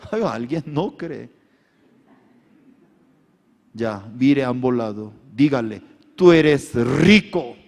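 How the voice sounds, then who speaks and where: This pastor preaches slowly in basic Spanish that isn't his first language, using a mid-range, somewhat dark, creaky voice that is expressive and broken by frequent pauses. He asks his congregation to echo him and raise their hands, and the hall around him reverberates.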